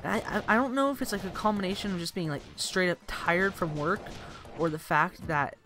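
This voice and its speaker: A young adult let's play commentator, tired and rambling, keeps saying "like" while game music plays in the background. His high-sitting voice is brisk, bright, and forceful.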